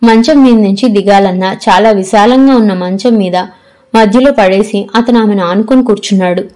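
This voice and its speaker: A woman reading a novel aloud in audiobook narration, measured and expressive. Her voice sits at an ordinary medium pitch. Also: low-quality recording.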